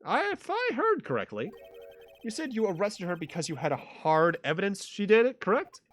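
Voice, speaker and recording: Brief: a man reading a keen young lawyer, lively pitch, pushing hard. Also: normal speed, a little hiss or hum, exaggerated voice. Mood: pressing. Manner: pressing, questioning. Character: earnest young male defense lawyer.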